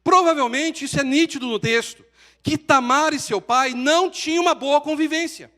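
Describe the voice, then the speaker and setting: A man with a Brazilian Portuguese accent preaching a sermon as pastor, with dramatic pauses and rising emphasis. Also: very high-pitched, sharp tone, big-room sound. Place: church hall.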